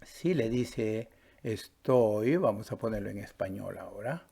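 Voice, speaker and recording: A man's voice: on the low side, animated, gravelly, warm tone, a little hiss or hum. A man teaching a Spanish grammar lesson, patiently explaining step by step and often checking with the listener. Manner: patient, drawn-out, stops to ask "¿sí?" and "¿verdad?".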